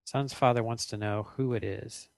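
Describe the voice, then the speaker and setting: A man's voice: on the low side, steady tone, moderate pace, gravelly, dry recording. A man co-hosting a podcast, casually recapping a TV episode at length and correcting himself as he goes. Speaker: podcast co-host.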